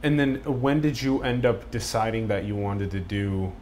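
Relaxed low-voiced young male host. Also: normal speed, a little hiss or hum. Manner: relaxed, loose follow-up questions. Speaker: podcast host, interviewer. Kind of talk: casual interview questions. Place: living room, on a sofa.

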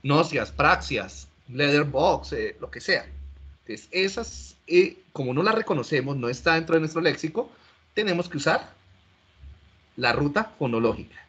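A man's voice: fairly high pitch, expressive, normal speed, fairly bright tone, husky. A man teaching an online class, explaining step by step and questioning his students. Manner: explanatory, asks students questions, frequent restarts. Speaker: lecturer. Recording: dull lo-fi audio.

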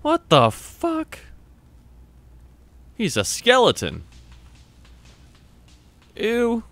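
Very high and very slow, this young man's voice swoops wildly in pitch over a dry recording. Playing a game on camera, he gives casual let's-play commentary, reads the on-screen text out loud, and swears and yelps loudly at every scare.

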